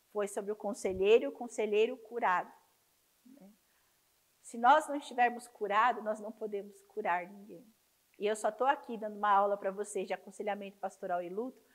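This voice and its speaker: A woman's voice: a little high, poor audio. A middle-aged woman pastor with a Brazilian Portuguese accent, teaching a class in a personal, earnest way and putting questions to her students. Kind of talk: conversational teaching.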